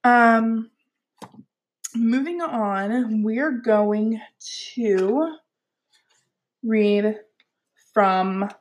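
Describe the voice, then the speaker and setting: A woman's voice: a little high, drawn-out words, long pauses. A young woman chatting casually about books at home at night, giggly, rambling and poking fun at herself. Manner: giggly, rambling, self-deprecating. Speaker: book reviewer. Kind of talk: casual chat.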